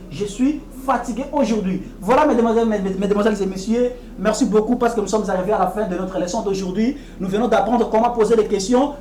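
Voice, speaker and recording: A woman giving a televised English lesson, explaining patiently and repeating each English phrase slowly and deliberately. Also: fairly high pitch, a little mellow, roomy sound, slight background noise, low-quality recording. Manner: explains patiently, often checking with "ok?". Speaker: English teacher.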